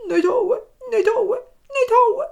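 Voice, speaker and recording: A woman's voice: very high voice, moderate pace, gravelly, a little mellow, pitched above the performer's own voice. A woman voicing a small, frightened male forest dwarf who pleads and whines, with a Swiss German accent. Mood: pleading. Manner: pleading, whining.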